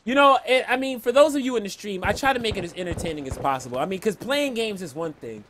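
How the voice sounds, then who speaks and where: A man streaming live gameplay, commentating and trash-talking opponents with brash, shouted taunts. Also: high voice, lively intonation, fast talker. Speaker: game streamer. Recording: noisy stream audio.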